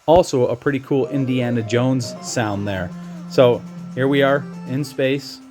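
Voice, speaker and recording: A man's voice: medium pitch, unhurried, a little mellow, soft background music. A man casually talking through a video game walkthrough in a chatty way, with restarts and slang. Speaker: gameplay walkthrough narrator.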